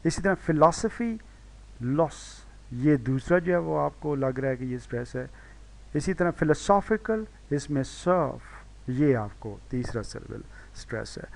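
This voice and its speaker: A man gives a recorded pronunciation lesson. He explains step by step, drawing out example words slowly and repeating them. When he slips, he says "sorry" and corrects himself. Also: medium pitch, vocal fry, a little mellow. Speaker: English teacher.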